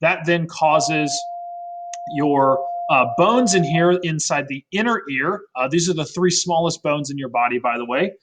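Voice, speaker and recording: A man's voice: a little high, a little slow, a bit bright. A man teaching a recorded science lesson in a casual way, often adding "right?" and correcting himself mid-sentence. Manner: fillers and self-corrections.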